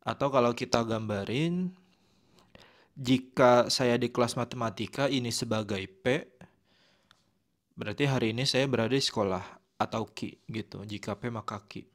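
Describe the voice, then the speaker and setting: A man explains a logic lesson at an easy pace. His talk is conversational and loose, with plenty of fillers and little tag words thrown in. His voice sits in an ordinary middle pitch. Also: moderate pace, long pauses. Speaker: teacher.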